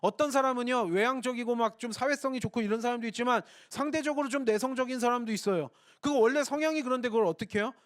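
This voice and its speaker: Male preacher, urgent rapid delivery, rhetorical, dry close mic. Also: extremely high pitch, no echo. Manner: earnest, rhetorical questions to the congregation. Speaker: pastor. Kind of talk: sermon.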